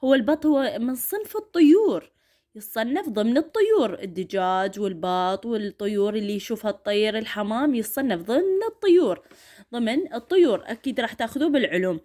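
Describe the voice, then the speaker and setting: A woman with an Iraqi Arabic accent, teaching a first-grade reading lesson and stretching syllables slowly for children to repeat. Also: fairly high pitch, expressive, dark tone.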